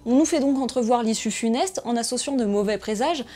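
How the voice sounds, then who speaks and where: A woman narrating a scripted film analysis essay in a measured, analytical way. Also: on the high side, dark tone.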